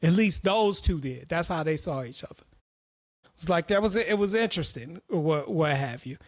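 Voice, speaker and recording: A man's voice: fairly high pitch, animated, moderate pace, no room sound, clean studio sound. A man hosting an opinionated commentary monologue, talking bluntly and profanely as he tells stories. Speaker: host.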